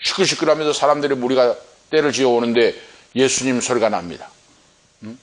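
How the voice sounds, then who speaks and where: A middle-aged man pastor preaching a sermon, retelling a story with dramatic swings of voice as he acts out the cries. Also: a little fast. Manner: dramatic storytelling, acting out cries and quotes with swings in pitch and loudness.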